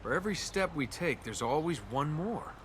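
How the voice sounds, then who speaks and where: As the lead of a video game, a young male adventurer is voiced by an American actor who delivers wry, sarcastic quips. The slightly high, natural-sounding voice is animated and moderately paced, captured within game audio over loud background noise.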